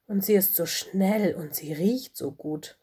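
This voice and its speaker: A woman voicing a small, clingy, whiny male owl chick with a croaky voice in a storybook reading. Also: lowish voice, unhurried, dark tone. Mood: pleading.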